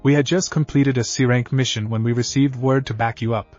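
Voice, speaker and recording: Composed ninja captain, read by a male narrator, mid-pitched, dull audio, soft music. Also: steady tone, fairly quick, lightly acted. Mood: serious.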